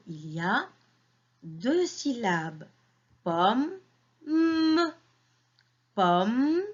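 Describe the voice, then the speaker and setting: A woman teacher giving a slow phonics lesson to young children, sounding out syllables and praising them. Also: mid-range voice, a bit bright. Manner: slow, clearly syllabled, encouraging teacher talk. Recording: dull lo-fi recording.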